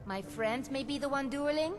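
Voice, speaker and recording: A woman's voice: sits high, normal speed, close to an everyday voice. An actress playing a poised, dry-witted bard woman, composed and articulate, in a fantasy video game. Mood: encouraging, defiant. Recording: loud game music behind the voice.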